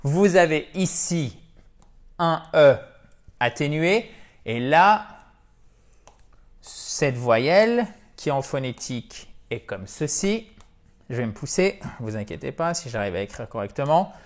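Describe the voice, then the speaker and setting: A French-speaking man teaching English pronunciation in an online lesson, explaining slowly and repeating each word several times as a drill. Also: a little high, animated.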